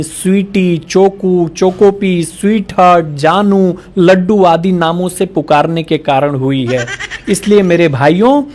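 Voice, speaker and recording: A man's voice: high-pitched, darkish tone. A man reading out a string of jokes and acting out the quoted lines. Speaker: joke teller.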